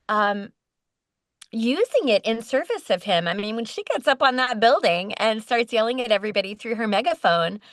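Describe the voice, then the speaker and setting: A woman's voice: medium pitch, no echo. Brief: woman guest, casual interview, earnest, restarts, dry sound. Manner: warm, earnest, many restarts. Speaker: voice actress guest.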